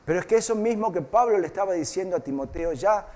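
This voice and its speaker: A man's voice: sits high, animated, fast, a little mellow. A man pastor preaching a live church sermon, often asking the congregation questions and tagging on "¿eh?". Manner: asks the congregation questions, repeats "¿eh?". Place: church hall.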